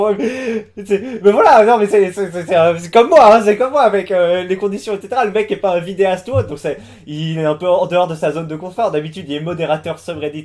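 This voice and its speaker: A man's voice: a little high, darkish tone. A man giving casual live commentary, rambling with many fillers, restarts and crude slang.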